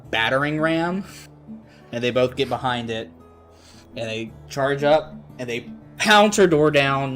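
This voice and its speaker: A man, narrating a tabletop game as game master, relaxed and full of fillers. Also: mid-range voice. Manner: relaxed, rambling, many fillers.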